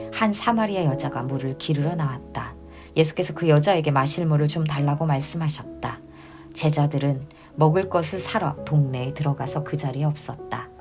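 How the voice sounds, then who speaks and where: A woman calmly reading scripture aloud in a measured, steady way. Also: low voice. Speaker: Bible reader.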